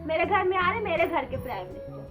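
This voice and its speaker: A woman's voice: extremely high pitch, sing-song, fast talker, music in the background. A woman from Pakistan, chatting and teasing jokingly in a casual home vlog. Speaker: village life vlogger.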